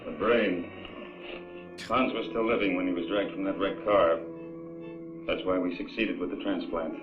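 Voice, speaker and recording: An actor playing a cold older mad scientist from an old horror film, speaking in a measured, clinical way. His voice sits low. The old soundtrack is dull and echoey. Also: fairly even intonation, music in the background, lightly acted. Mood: calm clinical.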